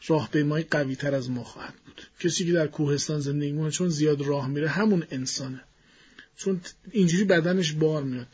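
A man with a fairly high, husky voice explains his ideas to an interviewer, measured and thinking aloud. The sound is dull and muffled, like a studio broadcast. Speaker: guest voice expert.

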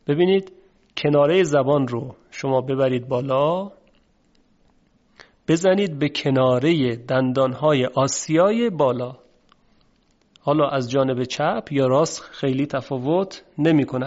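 A man teaching a tajweed pronunciation lesson, patiently explaining and slowly drawing out sounds to demonstrate them. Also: medium pitch, a little mellow. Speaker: Quran recitation teacher. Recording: dull, lo-fi recording.

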